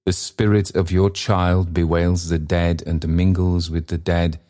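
A man reading aloud and voicing the spirit of a church bell, who speaks in stern, grave, measured pronouncements. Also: low voice, flat delivery, dark tone.

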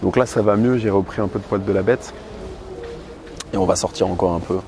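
Speaking fairly quickly in a rather low voice, a man in his thirties films himself with a handheld camera on a busy city street. He's frank and blunt, leaning on lots of fillers as he rambles through a casual vlog. Street ambience and traffic hum clearly through the whole noisy recording.

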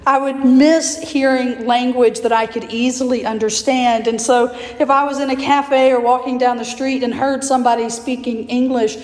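A hoarse, raspy woman priest preaches in a measured, gentle way. Her voice sits a little high and rings through a roomy church with a long reverb tail. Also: flat delivery. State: hoarse from allergies. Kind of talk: sermon. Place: church sanctuary.

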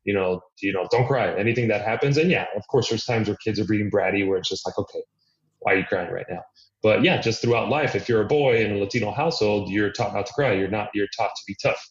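A man's voice: lowish voice, quick pace. A man from Miami, a podcast guest, talking earnestly and reflectively, thinking aloud with frequent restarts. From Miami, United States. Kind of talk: reflective conversational interview. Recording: echoey room, dull lo-fi sound.

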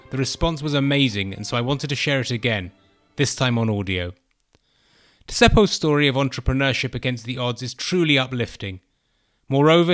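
A man's voice: mid-range voice, fairly bright tone. Man narrating a podcast script. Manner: measured, read-aloud delivery. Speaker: podcast host.

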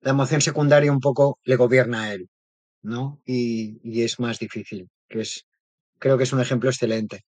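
A man's voice: mid-range voice, fairly even intonation, normal speed, darkish tone, no echo. A man, a therapist being interviewed, explaining ideas thoughtfully and often checking in with little tag questions. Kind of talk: reflective interview talk.

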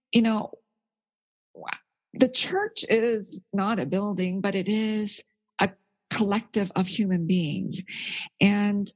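A woman's voice: mid-range voice, husky, dry recording, rough recording. A middle-aged woman author, born in Korea and raised in Canada, speaking thoughtfully and earnestly in an interview, with many fillers. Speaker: author, theologian guest. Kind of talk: interview conversation.

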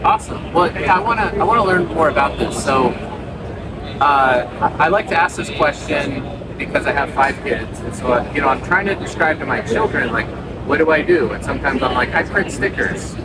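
A man hosting an interview in a chatty, rambling way, heard as a low quality stream. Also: lively intonation, normal speed, very noisy. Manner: chatty, rambling, self-deprecating. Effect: low quality stream, muffled and distant. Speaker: host, interviewer. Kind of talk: casual interview. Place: trade show floor. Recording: distant lo-fi audio with loud music.

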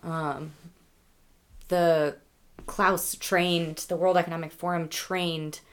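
A woman's voice: fairly low pitch, flat delivery, slow pace, clear, resonant tone. A woman co-hosting a casual podcast with her husband, chatty and adding her own points. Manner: chatty, adds points with frequent "like" and "um". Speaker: podcast co-host, host's wife.

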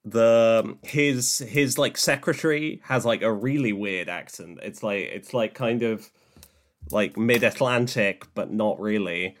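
Man, low voice, podcast co-host, casual chat, filler-heavy. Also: a little slow. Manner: relaxed, filler-heavy talk with lots of "like".

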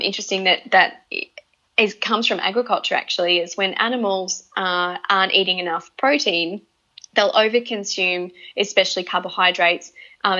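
A woman's voice: mid-range voice, bright, forceful tone. Australian woman repeating words, slightly dull audio. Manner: often repeats words and restarts phrases as she thinks aloud. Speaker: interview guest, parent. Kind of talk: relaxed conversational interview.

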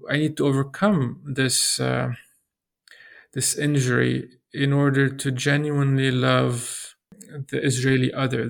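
Middle-aged man from Lebanon as an interview guest; gravelly, flat delivery, earnest and measured. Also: medium pitch. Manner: earnest, measured, with frequent restarts. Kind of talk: thoughtful interview answer.

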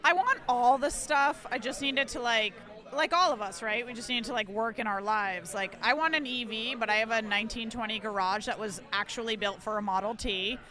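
Bright, chatty woman. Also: a little high, fairly quick. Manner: chatty, laughing, swears casually. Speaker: guest. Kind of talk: casual podcast chat.

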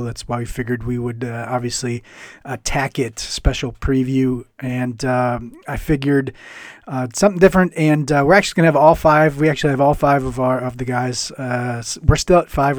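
A man hosts a podcast in a casual, rambling way. He speaks at a middle pitch and keeps restarting his sentences with fillers. The sound is dry and close. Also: no echo. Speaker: podcast host.

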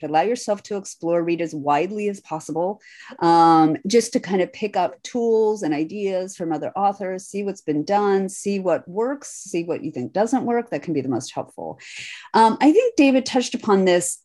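A woman hosting an online writing panel, reading out chat comments and handing questions to her guests in a relaxed way with frequent ums. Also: medium pitch. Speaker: host.

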